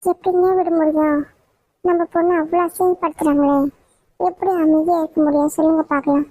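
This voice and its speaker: A performer doing a high-voiced worried mother. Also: little pitch movement, fairly quick, a little mellow, no echo, natural voice. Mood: distressed. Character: worried mother and chatty younger sister. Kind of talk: cartoon family drama voice acting.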